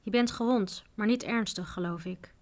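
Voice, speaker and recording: A woman voicing a kind, calm male knight in a Dutch storybook reading, speaking in a soothing, reassuring way. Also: mid-range voice, moderate pace, lightly acted.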